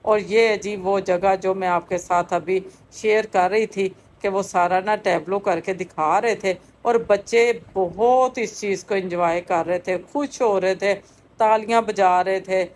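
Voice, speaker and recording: A woman's voice: medium pitch, fairly even intonation, a little mellow. A middle-aged woman narrating a vlog in a chatty, casual way, full of fillers. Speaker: vlogger.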